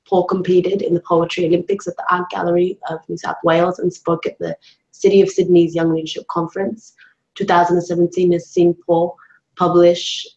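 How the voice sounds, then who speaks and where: A woman hosting a festival stream, reading a guest's introduction on a video call in a steady, even way. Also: lowish voice. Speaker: festival host. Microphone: laptop webcam on video call. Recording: dull lo-fi video call audio.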